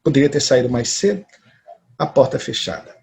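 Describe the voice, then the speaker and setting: A man's voice: mid-range voice, animated, moderate pace, gravelly, a little mellow. A man doing a shy, troubled young student. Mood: sad. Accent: Brazilian Portuguese. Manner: hesitant, apologetic.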